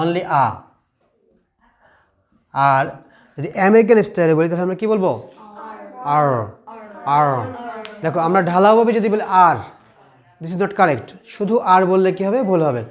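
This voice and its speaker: A man with a Bengali accent teaching English pronunciation to a class, asking questions and repeating sounds slowly. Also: high-pitched. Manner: asks the class questions and answers them, drills sounds slowly.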